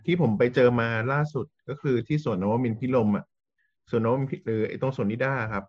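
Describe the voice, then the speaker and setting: A man co-hosting a casual podcast chat, telling stories in a relaxed way with polite particles. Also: mid-range voice, fast, breathy edge, highs cut off. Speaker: podcast co-host.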